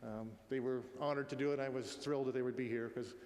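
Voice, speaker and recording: A man in his sixties giving a eulogy in a tender, faltering, halting way. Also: medium pitch, steady tone, darkish tone. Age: 60s. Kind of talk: eulogy, spoken address. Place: large echoey room at a memorial gathering. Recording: echoey hall with long reverb.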